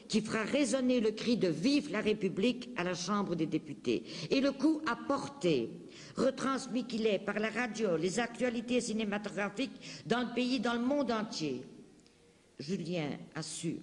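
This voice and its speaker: A man giving an impassioned political speech in a declamatory, emphatic way with deliberate dramatic phrasing. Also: high voice. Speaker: political speaker. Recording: long hall reverberation.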